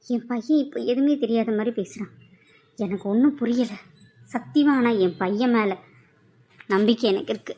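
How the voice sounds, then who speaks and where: A woman's voice: a little high, moderate pace, long pauses, dark tone, lightly acted. A woman playing an anguished aunt. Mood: defensive. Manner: anguished, disbelieving, imploring. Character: middle-aged aunt, mother defending her son. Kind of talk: cartoon drama voice acting.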